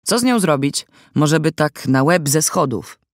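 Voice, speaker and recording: A man voicing a grim, hulking middle-aged housekeeper woman who talks in a gruff, sullen, scornful way in an audiobook. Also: a little high, expressive, a little slow, no echo, clean studio sound, voice pushed up. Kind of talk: audiobook character voice.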